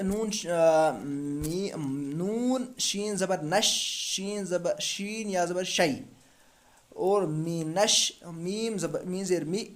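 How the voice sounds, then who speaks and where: Patient man teaching Quran recitation. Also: sits high. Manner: patient, repeats letters and asks the class questions. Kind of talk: step-by-step tajweed lesson.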